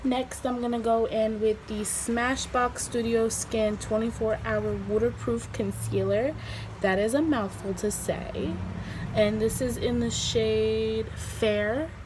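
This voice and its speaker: A woman giving a casual, chatty makeup tutorial, her voice slightly hoarse as it recovers from being lost. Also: a little high, steady tone, takes it slowly, noisy background. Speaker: beauty vlogger.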